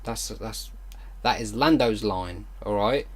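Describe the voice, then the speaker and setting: This online video host, whose voice is on the low side with a breathy edge, reads fan fiction in a halting way. He keeps reacting with exasperation and disbelief.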